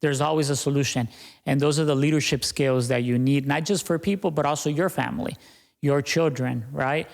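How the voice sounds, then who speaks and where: A man's voice: on the high side, a little fast, gravelly, long reverb tail. A young man talking earnestly as a podcast guest, often tagging his points with "right?". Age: young adult. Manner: earnest, repeats "right?" and "you know". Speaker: guest, business owner. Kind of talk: podcast interview.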